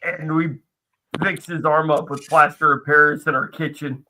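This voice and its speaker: A man in casual podcast chat, brash and profane with a joking edge. His voice sits a little high and sounds very bright. He talks loosely and swears freely. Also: little pitch movement, normal speed, a little hiss or hum, low-quality recording. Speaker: podcast co-host.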